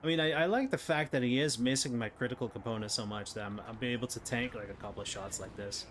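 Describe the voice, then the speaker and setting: A gaming streamer with a medium-pitched, fast, slightly bright voice plays a tank battle game live, chatting with viewers. He swears at the game in frustrated outbursts, with faint game noise in the background.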